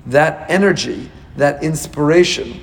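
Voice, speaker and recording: A man with a hoarse, raspy, worn-out voice giving a religious lecture as a rabbi, emphatic and repeating points in strings of synonyms. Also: fairly high pitch, unhurried, in a large hall. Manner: emphatic repetition, piling up synonyms. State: hoarse, voice nearly lost. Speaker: rabbi teaching a weekly Torah portion class.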